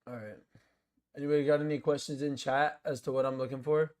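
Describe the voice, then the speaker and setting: A man talks his chat through a live trading session in a relaxed, slangy manner. His pitch sits in an ordinary middle range, and he breaks setups down step by step between offhand asides. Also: a little fast. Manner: laid-back slangy talk, lots of "like", "bro" and "yo". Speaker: day trader streaming live. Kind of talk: casual live-stream trading commentary.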